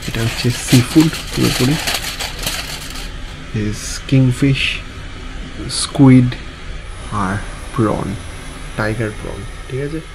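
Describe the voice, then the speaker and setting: A man's voice: mid-range voice, very slow, pauses often, noisy background. A man vlogging in casual chat, talking straight to his viewers from indoors. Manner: chatty, addresses viewers directly. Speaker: travel vlogger. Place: indoors on a couch at night.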